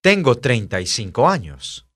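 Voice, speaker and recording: A man reading short model phrases for a language lesson, slowly and with careful enunciation. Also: medium pitch, very animated, a bit bright. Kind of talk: scripted lesson drills.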